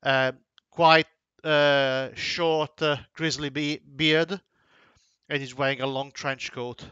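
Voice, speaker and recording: Slow, bright-voiced male game master. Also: fairly high pitch, fairly even intonation, smooth, no echo, dull audio. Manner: hesitant, many fillers and restarts. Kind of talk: narrating a tabletop game.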